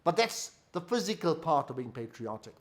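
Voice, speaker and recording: A man's voice: on the high side, very animated, normal speed. A man giving a motivational masterclass. He repeats key phrases for emphasis and asks rhetorical questions. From South Africa. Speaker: company founder giving a masterclass.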